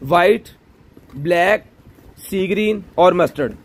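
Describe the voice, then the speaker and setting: A man selling goods on a live stream in an overeager, insistent teleshopping pitch, repeating himself often. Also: takes it slowly.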